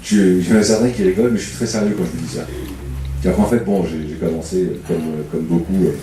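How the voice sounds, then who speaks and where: A man's voice: low-pitched, fairly even intonation, quick pace, mellow, slight background noise. A man from the Paris suburbs who runs a temp agency, giving a humorous, self-mocking talk at a public debate and chatting with the audience. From Paris suburbs, France. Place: community hall. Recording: echoey hall from far off.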